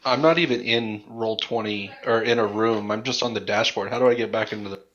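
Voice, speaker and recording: A man's voice: lowish voice, a little fast, a bit bright. A man chatting casually on a voice call, asking puzzled questions. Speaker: player on a voice call. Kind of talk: casual chat. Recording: dull voice-chat audio.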